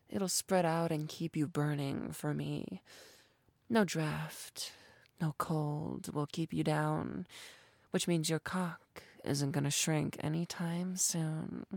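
Woman doing a slow husky tail-swishing creature gal, bossy and teasing, whispers right up on the mic, real dry sound. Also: low-pitched, darkish tone, no room sound, full character voice. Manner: sultry, commanding, often whispered. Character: dominant, teasing female creature in humanoid form with a tail. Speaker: voice actor. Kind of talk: intimate audio roleplay.

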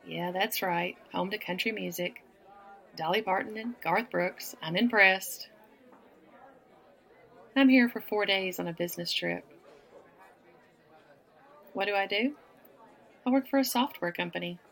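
A Southern-accented woman teases and flirts with a stranger at a bar in a one-sided audio roleplay, laughing often. Her medium-pitched voice is a little slow and creaky, with long pauses and a fairly bright tone. A faint crowd can be heard.

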